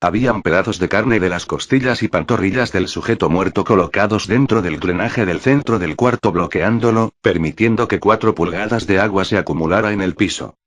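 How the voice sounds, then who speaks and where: Low-voiced man narrating a horror story. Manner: steady, measured storytelling. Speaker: creepypasta narrator.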